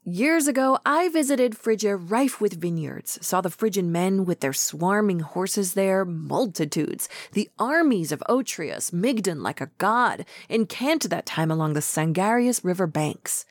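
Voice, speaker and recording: A woman's voice: mid-range voice, expressive, unhurried, hardly any pauses, dry recording. A woman voicing an aged king who speaks kindly and with wonder, in a dry-sounding audiobook reading.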